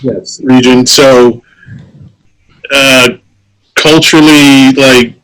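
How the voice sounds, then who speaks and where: A man's voice: mid-range voice, steady tone, extremely slow, a bit bright, slight background noise, poor audio. A man co-hosting a casual podcast chat who laughs often and trails off mid-sentence. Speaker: podcast co-host.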